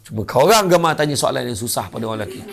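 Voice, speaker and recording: An older man with a Malaysian Malay accent gives a lighthearted religious talk. He spins everyday stories and slips into the voices of the people in them. His mid-pitched voice carries a gravelly edge. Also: racing. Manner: lively storyteller who acts out characters. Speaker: religious lecturer. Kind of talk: humorous sermon. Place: lecture venue.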